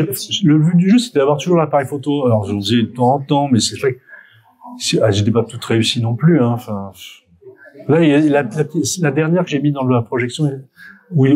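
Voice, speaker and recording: A middle-aged French photographer reminisces in spontaneous answers during an interview, his medium-pitched, darkish voice moving fast. He's hesitant, corrects himself, and repeats words often.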